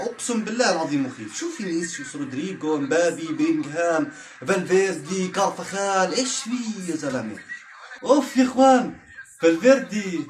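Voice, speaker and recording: A man reacting to a football match, excitable and exclaiming, often laughing and teasing. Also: high-pitched.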